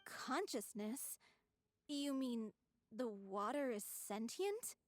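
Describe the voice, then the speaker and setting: A woman playing an earnest young troupe singer in an anime game, with a soft-spoken, reflective delivery. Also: on the high side, big pitch swings, takes it slowly. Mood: puzzled. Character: earnest young female stage singer and actress. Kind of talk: anime video game acting. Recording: background music.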